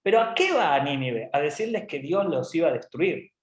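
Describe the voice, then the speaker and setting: A man preaches in a relaxed, joking way and keeps checking in with his listeners. His voice sits a little high. The room has a clear echo. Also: a little fast. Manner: conversational, humorous, frequent tag questions. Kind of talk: informal sermon talk.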